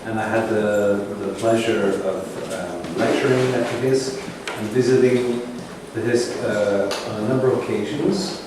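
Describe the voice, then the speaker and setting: A curator introduces an artist in a public gallery talk, his lowish voice ringing around a large, very echoey room. Captured from a distance over constant ambient noise, he speaks in a measured, reflective way, searching for words.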